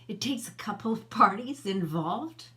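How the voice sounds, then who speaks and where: A middle-aged woman talks straight to her viewers in a relaxed, coaching tone. She asks them questions as she goes, and her pitch sits in the middle of the range for a woman. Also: moderate pace. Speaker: host of her own personal growth channel. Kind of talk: casual talk to camera.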